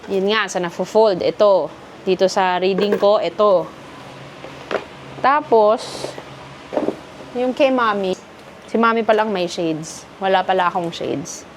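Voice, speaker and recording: A woman's voice: mid-range voice, slow pace, pauses often, a little hiss or hum. A woman from the Philippines chatting casually through a haul vlog, switching freely between Filipino and English. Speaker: vlogger.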